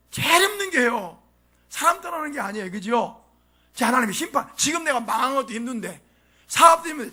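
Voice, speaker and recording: A man preaching a sermon as pastor, animated and often asking the congregation questions. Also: very high-pitched. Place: church sanctuary.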